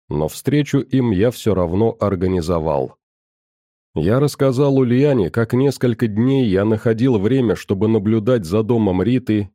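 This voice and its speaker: A man calmly narrating a novel in the first person in a measured tone. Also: lowish voice, dry recording, clean studio sound. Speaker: audiobook narrator.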